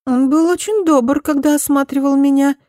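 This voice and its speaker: A woman reading an audiobook, voicing a spoiled, accusing pregnant young noblewoman in a high, loud voice. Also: steady tone, moderate pace, no room sound, studio quality, natural voice. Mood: polite.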